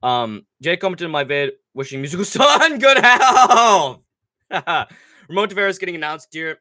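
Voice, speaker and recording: Unhurried and a little high-pitched, a young livestream host comes through in a dry, clean studio recording. A cold makes him sound nasal as he excitedly wanders through his fight picks, swearing as he goes.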